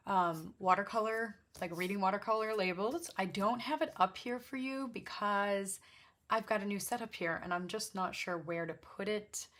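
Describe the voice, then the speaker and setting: A woman with a slightly gravelly voice hosts an art demonstration in casual chat, rambling, interrupting herself and apologizing as she goes. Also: mid-range voice, a bit bright. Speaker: host of an art livestream swatching watercolors. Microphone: backup microphone.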